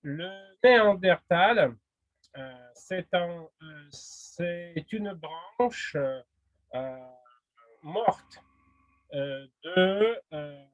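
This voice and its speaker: A man's voice: sits high, lively intonation, drawn-out words, dry recording. A man teaching linguistics in a casual spoken lesson, hesitant, full of fillers and restarts. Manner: laughs readily.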